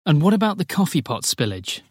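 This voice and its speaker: A man playing a firm, businesslike senior flight attendant in a scripted lesson dialogue, articulating clearly. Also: a little high, big pitch swings, fairly quick, dry recording, studio quality. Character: male senior cabin crew leader, firm and businesslike.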